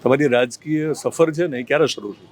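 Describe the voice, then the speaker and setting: A man interviewing a politician, asking slow, thoughtful questions with hesitations and addressing viewers directly. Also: mid-range voice, slight background noise. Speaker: interviewer and news reporter. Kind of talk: conversational interview with asides to viewers.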